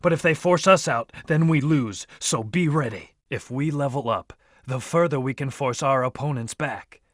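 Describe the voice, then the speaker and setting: A man's voice: mid-range voice, normal speed, a bit bright, no room sound, clean studio sound, natural voice. A man voicing a video game's arrogant, brooding hedgehog antihero, speaking in a terse, stern, commanding manner. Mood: stern, determined. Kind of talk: video game character voice lines.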